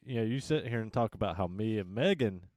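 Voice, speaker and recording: A man's voice: on the low side, expressive, fast, a little mellow, dry recording. A man co-hosting a casual movie podcast, teasing and enthusiastic, on a close, dry mic. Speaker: podcast co-host.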